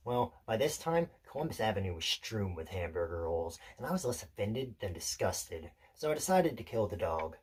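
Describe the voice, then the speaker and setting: In a theatrical monologue, an actor portrays a solitary, intense drifter telling a meandering tale, confiding in the listener through deliberate pauses and little self-corrections, never fully at ease. The voice is low and husky with big pitch swings, and the mood comes across wry and wounded.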